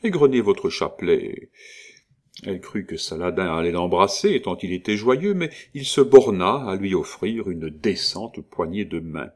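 A man's voice: low-pitched, lively intonation, moderate pace, few pauses. A man narrating an audiobook, reading expressively with occasional hesitations.

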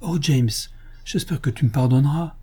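A man's voice: fairly high pitch, moderate pace, warm tone, slightly rough, pitched above the performer's own voice. A man reading aloud while voicing a young wife who breathlessly begs her husband's forgiveness. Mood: pleading.

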